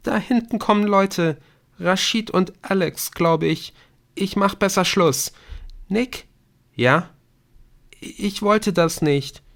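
A man reading an audiobook, voicing a frightened teenage girl who pleads in a high, shaky voice. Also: takes it slowly, creaky, pauses often, fairly bright tone, full character voice. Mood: subdued.

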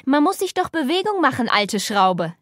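Woman playing a booming old nobleman, boisterous, loud, dry close sound. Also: animated, moderate pace, no echo, natural voice. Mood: bellowing. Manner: bellowing, boisterous. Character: loud hearty old male count.

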